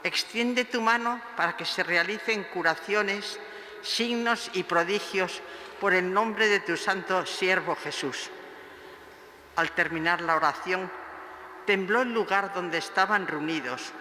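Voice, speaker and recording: A man reading scripture and a psalm in a measured, declaiming way, his voice ringing with cathedral echo. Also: sits high, pushed and bright. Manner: measured, declaiming each phrase. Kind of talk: slow solemn liturgical reading. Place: large church. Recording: echoey church with long reverb, faint hiss.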